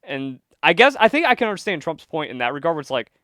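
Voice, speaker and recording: A man co-hosting a casual podcast, talking politics in an animated way and acting out quoted voices. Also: fairly high pitch, fast, dry recording, clean studio sound. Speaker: podcast co-host.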